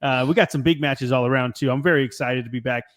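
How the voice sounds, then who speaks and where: A young man hosting a soccer podcast in a relaxed, rambling casual chat who laughs easily. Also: mid-range voice, fast. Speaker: podcast host.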